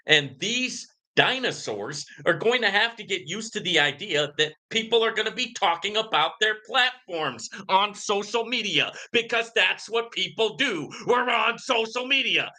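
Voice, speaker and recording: A livestream host gives ranting live Q&A commentary, preaching emphatically and often tagging "right?" and "man" onto his points. His high, expressive voice is pushed and bright, moving at a moderate pace with hardly any pauses.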